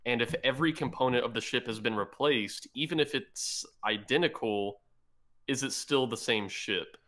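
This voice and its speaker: A man's voice: mid-range voice, normal speed, pushed and bright. A man co-hosting a podcast in casual chat, explaining ideas step by step as he thinks aloud. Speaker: podcast co-host.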